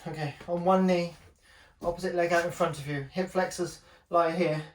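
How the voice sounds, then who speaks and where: A man's voice: fairly high pitch, steady tone, moderate pace, echoey room, recorded from a distance, a little hiss or hum. A man working as a personal trainer, talking viewers through an ab workout while exercising himself, encouraging and joking, short of breath between sets.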